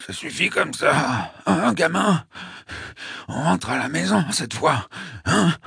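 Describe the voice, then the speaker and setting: A man voicing a wounded, dying man who curses and gasps in a hoarse voice strained with pain. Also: a little high, lively intonation, unhurried, pushed and bright, no echo, clean studio sound, voice pushed up, heavily acted. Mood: gasping. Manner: cursing, gasping. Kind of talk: audiobook character voice.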